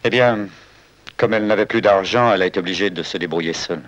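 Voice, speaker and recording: An actor playing a composed investigator in a 1970s film drama, questioning people in a terse, probing way. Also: male voice, sits low, fast talker, fairly bright tone. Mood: measured, defensive. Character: composed male investigator hired to find a client's daughter. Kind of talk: 1970s French-language film drama acting. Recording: dull, noisy old film soundtrack.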